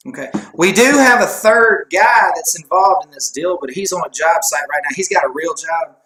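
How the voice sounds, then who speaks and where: Speaking at a normal speed in a slightly high, bright and forceful voice, this co-host of a casual sports chat show rambles along and jokes at his own expense. The room sounds echoey.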